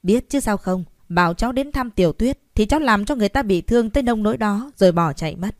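A woman voicing an irritable old grandfather who scolds loudly, reading an audiobook story. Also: mid-range voice, expressive, quick pace, no echo, studio quality, close to an everyday voice. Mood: angry scolding. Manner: angry, scolding, raised voice.

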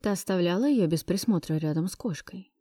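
A woman voicing a brooding, possessive young man in an audiobook, speaking low and insistently. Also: animated, fairly quick, dark tone, dry recording, studio quality. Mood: soothing. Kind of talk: audiobook dialogue.

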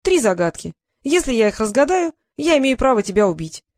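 A woman's voice: a little high, very animated, a little fast, a little mellow, dry recording, studio quality, voice pushed up. A woman voicing a boastful, pedantic male dragon who loves riddles, speaking in a raised, emphatic, pompous way.

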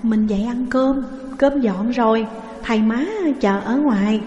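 A woman voicing a gentle young wife who speaks softly and pleads. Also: a little high, a little slow, dull audio, natural voice. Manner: soft-spoken pleading turning to protest. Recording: echoey room with long reverb.

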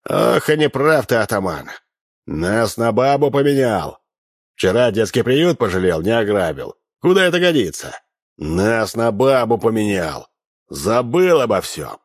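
A man voicing a rowdy, grumbling crew of male Cossacks, dragging out jeering shouts. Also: fairly low pitch, very animated, a little slow.

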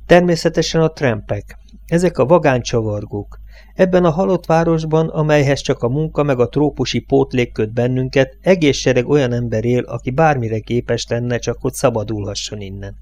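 Man reading as a gruff, sneering oil boss. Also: medium pitch, darkish tone, close to an everyday voice. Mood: scornful. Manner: blunt, sneering, rough-spoken. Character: gruff, scornful Irish male oil company boss. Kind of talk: audiobook character voice.

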